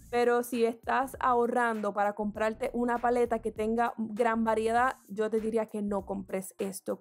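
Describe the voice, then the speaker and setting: A woman beauty vlogger talking candidly and chattily as she does her makeup, explaining each step. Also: fairly high pitch. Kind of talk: get-ready-with-me makeup tutorial chat.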